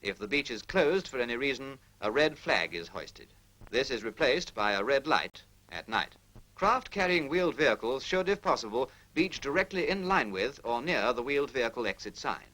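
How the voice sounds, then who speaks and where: A British man reads formal scripted narration like a 1940s military training film, precise, instructional, and impersonal. His mid-range voice swings widely in pitch at normal speed, sounding pushed and bright on a rough recording.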